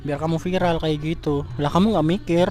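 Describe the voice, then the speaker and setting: A man's voice: on the high side, fairly even intonation, fairly quick, a little mellow, faint music behind, lightly acted. A man playing a furious young man who scolds and curses his cheating fiancée in a scripted street drama. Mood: angry. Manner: angry scolding, cursing. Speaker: jilted fiancé.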